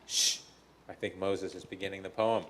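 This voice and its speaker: A man's voice: deep voice, fairly even intonation, moderate pace, a bit bright. A man speaking casually, with lines and prompts in an amateur play. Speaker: player and prompter in a congregational skit.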